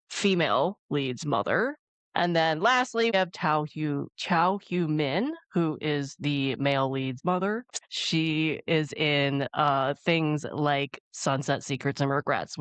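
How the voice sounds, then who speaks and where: A woman's voice: deep voice, no echo. Casual woman co-hosting a drama review. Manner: informal, self-correcting. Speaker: co-host of a drama review show.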